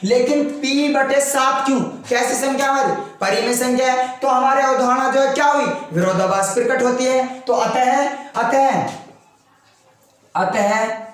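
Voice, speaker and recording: A male maths teacher giving a board lesson, asking questions and answering them himself, repeating key words slowly step by step. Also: extremely high pitch, a bit bright, soft background music. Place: classroom with a board. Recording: very echoey room.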